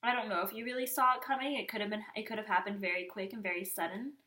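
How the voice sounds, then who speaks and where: A woman's voice: mid-range voice, steady tone, racing, sharp tone. Chatty woman giving a tarot reading. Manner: chatty, conversational, frequent "you know what I mean". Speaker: tarot reader.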